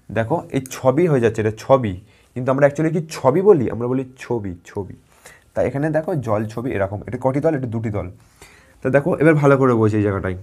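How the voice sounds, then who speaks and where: A man's voice: mid-range voice, a little mellow. A man from West Bengal teaching a grammar lesson, patiently repeating words, sounding them out syllable by syllable and asking his students questions. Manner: drawn-out syllable-by-syllable pronunciation.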